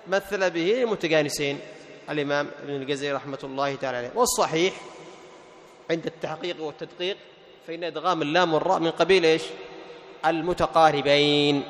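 A man's voice: on the high side, fairly bright tone. Man teaching tajweed with echoing reverb. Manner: asks the class questions and answers them himself, repeats key terms; recites verses slowly and melodically. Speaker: Quran recitation teacher. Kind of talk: explaining tajweed rules in class. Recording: long hall reverb.

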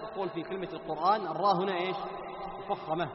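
High-voiced man teaching in an echoey hall. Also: steady tone, crowd noise. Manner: asks the class questions and answers them himself; chants Quran verses slowly as examples. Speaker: Quran recitation teacher. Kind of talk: classroom lesson on tajweed. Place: classroom. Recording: echoey hall, dull lo-fi, background noise.

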